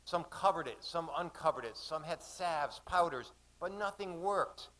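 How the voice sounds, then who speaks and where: A man's voice: a little high, lively intonation, unhurried, low-quality recording. Dramatic older male storyteller. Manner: dramatic, shouts out the calls and quoted voices. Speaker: storyteller reading at a poetry gathering. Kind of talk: performed story reading. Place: café performance space.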